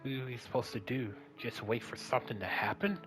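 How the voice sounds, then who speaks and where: A young man playing a game and reading its text aloud, playful and excitable, swearing and breaking into loud outbursts. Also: medium pitch, a little fast, over music. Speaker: let's play gamer.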